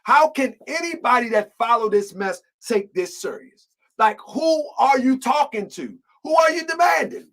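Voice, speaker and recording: A man's voice: extremely high pitch, expressive, normal speed, a bit bright, rough recording. A man hosting an online show, delivering an impassioned commentary monologue full of rhetorical questions and repeated phrases.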